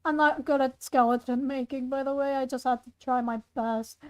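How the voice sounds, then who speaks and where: A woman's voice: high voice, steady tone, moderate pace, a little mellow. A young woman casually reading her own story aloud, rambling and correcting herself as she goes. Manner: rambling, self-correcting, chatty. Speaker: storyteller and content creator.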